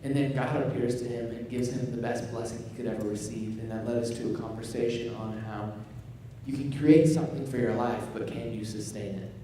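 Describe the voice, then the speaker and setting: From a church stage, a young pastor delivers a casual sermon packed with self-deprecating jokes and storytelling. His medium-pitched, warm voice moves briskly with fairly even intonation. Recorded from a distance in an echoey hall, the audio has a little hiss or hum.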